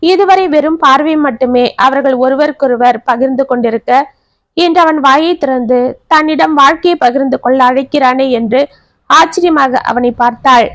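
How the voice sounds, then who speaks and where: A woman narrating a dramatic family story in an expressive, scripted way. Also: sits high, moderate pace, no room sound.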